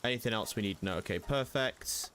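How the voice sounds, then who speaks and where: A man's voice: lowish voice, fairly quick, fairly bright tone, a little hiss or hum. A young man giving casual gameplay commentary as a streamer, chatty and prone to sudden panicked yelps. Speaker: gaming streamer.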